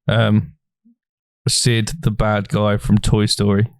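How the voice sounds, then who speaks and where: A man's voice: lowish voice, completely flat delivery, slow pace, creaky, no echo, studio quality. A young man co-hosting a podcast, laid-back, laughing often and swearing casually. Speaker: podcast co-host. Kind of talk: casual chat.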